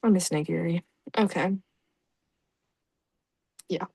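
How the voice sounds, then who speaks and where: A woman's voice: fairly low pitch, slow pace, creaky, warm tone, breathy edge, dry recording. A young woman giving casual let's-play commentary, chatty and reacting aloud with laughs and groans. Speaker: gaming YouTuber.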